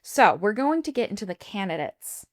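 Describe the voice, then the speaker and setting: Lively, chatty young woman storyteller. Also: medium pitch, normal speed. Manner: chatty storyteller, frequent fillers and "like". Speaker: podcast co-host telling the story. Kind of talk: casual chat.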